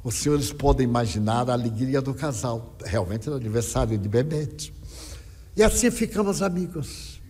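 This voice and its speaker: Older male speaker, husky, dramatic lecture storytelling in an echoey hall. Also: medium pitch, moderate pace. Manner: dramatic, lively storyteller quoting others. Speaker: spiritist speaker.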